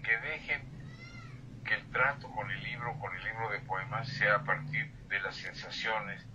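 Speaking a little slowly in a steady, lowish voice, an older poet guests on a phone-in interview and poetry reading. The tinny line hisses faintly as he recites verse with whispered refrains and then chats about his books.

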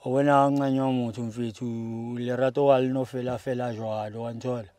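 A middle-aged South African man speaks as an interview guest in casual slang. His delivery is halting, at a middling pitch, and the handheld mic gives a close, dry sound inside a car. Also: little pitch movement, a little mellow, no echo. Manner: halting, peppered with slang address terms. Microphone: handheld microphone.

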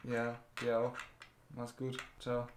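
A man's voice: medium pitch, completely flat delivery, takes it slowly, echoey room, heavy background noise. A man co-hosting a reaction video, chatting in a laid-back, mocking way. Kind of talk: casual chat.

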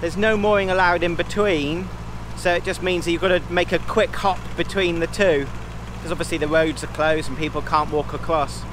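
A chatty man with a fairly high voice talks easily from the deck of a canal boat. Loud engine rumble and open-air noise sit under everything he says, and he drops in wry little asides as he goes. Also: steady tone, moderate pace, hardly any pauses. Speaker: vlog host. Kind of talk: casual narration while boating.

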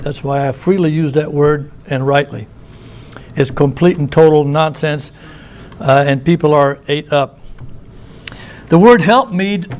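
A man preaching a sermon in a church, conversational, with asides and restarts. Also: a little high. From United States.

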